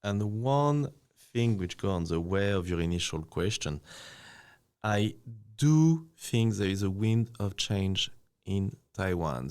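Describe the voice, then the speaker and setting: Guest, male, low-pitched, lively and conversational. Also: clear, resonant tone. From France. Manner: animated, slightly non-native phrasing, frequent "you know". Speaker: guest, bank executive. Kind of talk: casual interview talk.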